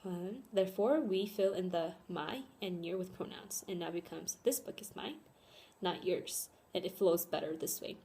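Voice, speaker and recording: A woman's voice: fairly low pitch, normal speed, dark tone. A young woman raised in Chicago, with an American accent, giving an earnest class presentation on grammar with frequent ums. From born in South Korea, raised in Chicago. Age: young adult. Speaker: student presenter.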